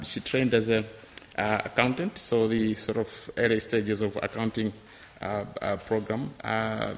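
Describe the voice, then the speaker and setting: A man from Malawi, in his thirties, giving a hesitant testimony with many pauses and fillers in a church. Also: fairly low pitch, gravelly, in a large hall. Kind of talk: testimony interview.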